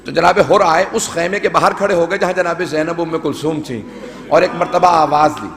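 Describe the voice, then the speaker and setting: A man's voice: a little high, steady tone, a bit bright. A man, a cleric delivering a mourning sermon, telling the story with emotion and lamenting cries. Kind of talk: Shia majlis sermon narrating mourning accounts. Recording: echoey hall with long reverb.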